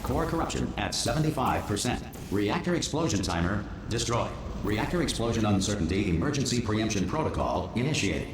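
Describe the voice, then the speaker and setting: Calm facility computer announcer. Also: male voice, fairly low pitch, a little fast. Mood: flat. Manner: flat, clipped warnings. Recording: distant echoey game audio with noise.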